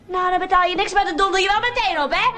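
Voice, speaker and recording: An actress in a film clip playing a brash woman who speaks in a shrill, teasing voice and then scolds. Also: sharp tone. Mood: furious. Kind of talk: dialogue from a 1970s film. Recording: film clip with music and crowd behind.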